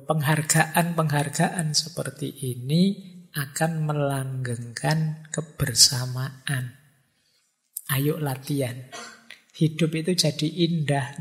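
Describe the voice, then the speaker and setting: A man with a Javanese accent giving a relaxed public talk to an audience as lecturer, chatty and joking with everyday examples. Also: on the high side, creaky.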